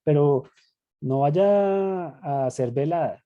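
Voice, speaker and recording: A man's voice: on the high side, slow, dark tone, highs cut off. A man leading a casual group Bible study, reflective and self-critical, often repeating his words as he thinks aloud. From Latin America.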